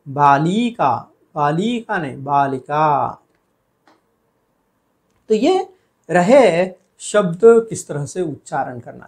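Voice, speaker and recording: Male teacher, slightly higher voice, unhurried delivery that stretches words to model them; poses questions, answers them. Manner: slow, deliberate, stretches out words to model pronunciation; asks questions then answers them himself. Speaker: Hindi teacher. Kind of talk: classroom lesson on spelling and pronunciation.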